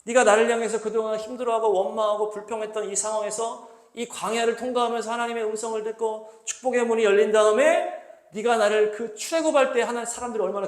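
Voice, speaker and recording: A male pastor preaching a sermon, posing rhetorical questions to the congregation and slowly reading scripture aloud. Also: high-pitched, reverberant. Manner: asks the congregation rhetorical questions and answers them; reads scripture slowly and deliberately. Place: church hall.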